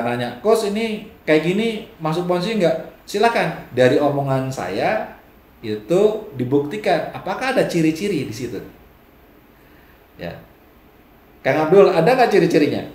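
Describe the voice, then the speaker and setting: A man gives a live online coaching talk and reads out comments from his viewers. He laughs a lot and jumps up in pitch whenever he imitates someone else. His voice rings in an echoey room. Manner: animated, laughs often, mimics people in a higher voice. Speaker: business coach. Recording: roomy echo.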